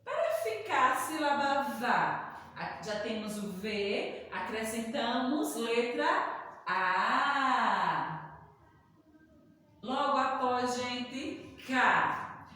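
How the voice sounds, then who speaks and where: A woman's voice: a little high, lively intonation, takes it slowly, a bit bright. A woman teacher, patiently spelling out syllables letter by letter and praising young children in a recorded reading lesson. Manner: calls herself "tia", coaxing and praising. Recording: echoey room, distant from the mic, long reverb.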